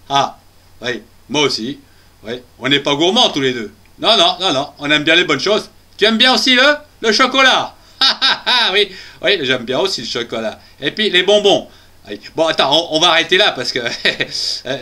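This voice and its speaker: A man's voice: high-pitched, bright, forceful tone, exaggerated voice. A man voicing a jolly, clumsy male bear in a children's story, giggling often and chatting straight to the young listeners in a bouncy, sing-song way. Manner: chats straight to the young audience.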